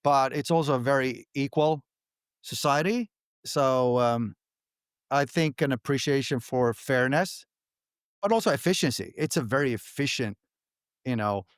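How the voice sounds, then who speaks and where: A middle-aged man from Finland, answering interview questions in a relaxed, halting way with frequent restarts. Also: mid-range voice, smooth, no echo, clean studio sound. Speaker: podcast guest, company founder.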